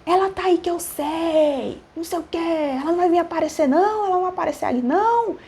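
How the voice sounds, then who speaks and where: Woman putting on a shrill ranting drunk man. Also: moderate pace, slight background noise, natural voice. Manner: shouting, then whiny and apologetic. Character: drunk, belligerent middle-aged man yelling insults.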